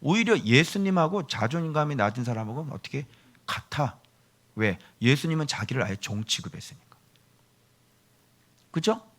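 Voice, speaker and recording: A male pastor preaching a sermon in an emphatic, scolding way, swinging between loud bursts and whispers and acting out quoted prayers. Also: medium pitch, lively intonation, normal speed, long pauses. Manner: acts out quoted prayers and speech.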